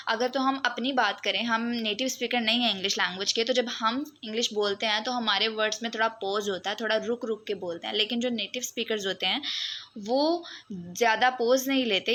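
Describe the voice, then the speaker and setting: Woman teacher, exam-prep lecture, slightly high voice, crisp bright tone, step-by-step explaining. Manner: explains step by step, mixing Hindi-Urdu with English terms.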